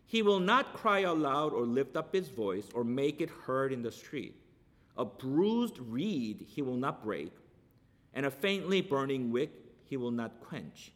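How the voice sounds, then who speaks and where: A man's voice: high-pitched, fairly bright tone, in a large hall. A male pastor preaching a sermon, talking conversationally and asking rhetorical questions.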